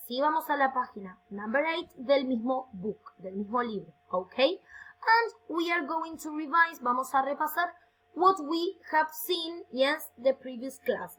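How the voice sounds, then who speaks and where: A woman with a Rioplatense Spanish accent teaching English, drilling phrases slowly and checking in with "¿ok?" after nearly every line. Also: sits high, sharp tone, low-quality recording. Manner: slow, emphatic drilling with frequent "¿ok?" checks. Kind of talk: recorded online lesson, bilingual.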